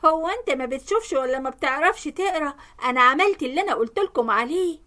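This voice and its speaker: A woman's voice: high voice, lively intonation, fast, bright, forceful tone. A woman voicing a scheming, greedy older Egyptian mother-in-law who cries out indignantly. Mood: shrill outrage. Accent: Egyptian Arabic.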